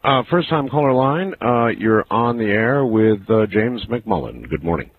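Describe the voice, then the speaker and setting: A man hosting live late-night talk radio, prompting in a measured, courteous way. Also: lowish voice, expressive. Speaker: radio host. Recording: dull lo-fi radio with hiss.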